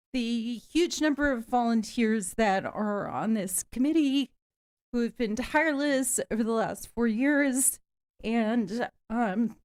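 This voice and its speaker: A woman co-chairing a climate committee, giving a chatty, eager presentation to a school board in a meeting room, apologising and filling pauses with "um". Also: fairly high pitch.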